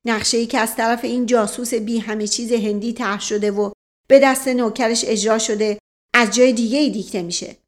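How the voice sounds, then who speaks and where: A woman's voice: high voice, lightly acted. A woman voicing a stern, touchy older family patriarch who scolds curtly. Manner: curt, scolding.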